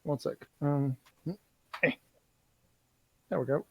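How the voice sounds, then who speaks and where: A man's voice: fairly high pitch, takes it slowly, creaky, fairly bright tone, no echo. A man running a tabletop game online, narrating loosely with lots of fillers and swearing. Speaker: game master.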